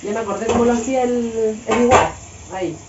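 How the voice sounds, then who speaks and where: Amid heavy background noise, a young adult woman with a Chilean accent cooks in her home kitchen and chats for her vlog, laughing often through joking, exasperated rants. Her voice is a little high, brisk and steady in tone. The room is echoey and dull.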